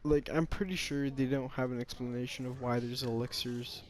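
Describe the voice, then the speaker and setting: A man's voice: mid-range voice, steady tone, normal speed, a little mellow. A man giving a casual, rambling opinion monologue about a game, often hesitating, restarting and sighing.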